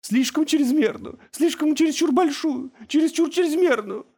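A man voicing a delirious male journalist who whispers hoarsely, weeps and breaks into shrieks in an audiobook. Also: high-pitched, normal speed, darkish tone, lightly acted. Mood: hysterical. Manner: feverish, rambling, melodramatic. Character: delirious, tearful male journalist gone half mad.

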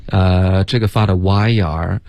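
A deep-voiced man coaching English pronunciation. He corrects students one by one and models each sound slowly. The sound is dry and close. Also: steady tone, no room sound, highs cut off. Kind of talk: pronunciation coaching in a broadcast class.

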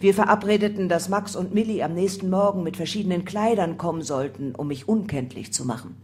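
Calm woman reading a memoir. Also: lowish voice, a little fast. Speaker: audiobook reader. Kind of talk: scripted first-person memoir narration.

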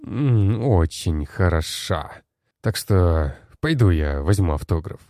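A man's voice: deep voice, expressive, takes it slowly, dark tone, no room sound, studio quality, heavily acted. A man voicing a grudging, wry male bandmate.

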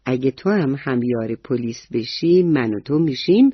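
A woman's voice: very deep voice, animated, husky, dry recording, dull audio, full character voice. A woman storyteller voicing an eager, proud little schoolboy who politely lectures his father about traffic rules, in a bedtime radio story. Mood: earnest.

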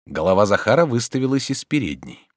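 A man narrating an audiobook of a classic novel, his pitch moving in a lively, expressive way. The sound is close and dry, with no room around it. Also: a little fast, no echo. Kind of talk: audiobook reading.

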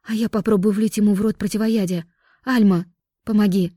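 Woman doing a brisk, commanding fairy. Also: mid-range voice, fairly even intonation, mellow, dry recording, studio quality, voice pushed up, natural voice. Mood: urgent. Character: composed young fairy woman, takes charge.

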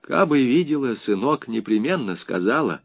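A man voicing an older peasant woman, a sharp-tongued wife who can turn meek and sly, in an audiobook reading. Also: medium pitch, sing-song, slow, pitched above the performer's own voice. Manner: scolding, then meek and sly.

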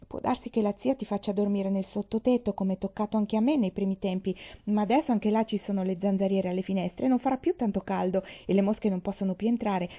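A woman voicing a cheerful, chatty young girl who talks in excited bursts. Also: mid-range voice, fairly quick, few pauses, close to an everyday voice. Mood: eager, chattering. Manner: breathless, excited exclaiming.

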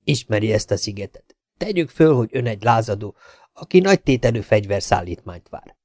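A man's voice: on the low side, dry recording, lightly acted. A man reading an audiobook, voicing an inquisitive male journalist who asks blunt questions and makes dry remarks.

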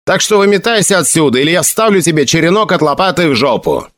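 A man's voice: fairly high pitch, expressive, fast, fairly bright tone, pitched above the performer's own voice. A man voicing a brash, hot-tempered young nobleman who talks in a blunt, crude way. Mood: defiant.

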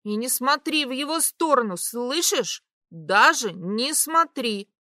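A woman voicing an excitable, tipsy young woman who goes high and loud when upset. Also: takes it slowly, no echo, studio quality, exaggerated voice. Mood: jealous.

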